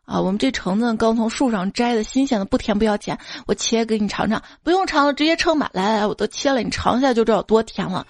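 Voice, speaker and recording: A woman's voice: fairly high pitch, fast talker, hardly any pauses, darkish tone, no room sound, clean studio sound. A woman radio show host reading out listener jokes, playful and acting out the quoted voices.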